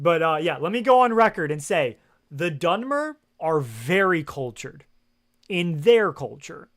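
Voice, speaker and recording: A man streaming a video game, chatting casually into a gaming headset from his home setup, rambling with plenty of fillers and frequent swearing. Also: fairly high pitch. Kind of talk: casual livestream chat.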